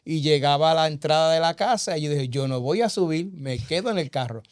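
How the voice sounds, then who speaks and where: A man's voice: fairly high pitch, a little fast, no echo, clean studio sound. Earnest man giving a spoken testimony. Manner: earnest, storytelling with many "verdad" and "eh" fillers. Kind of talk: conversational testimony.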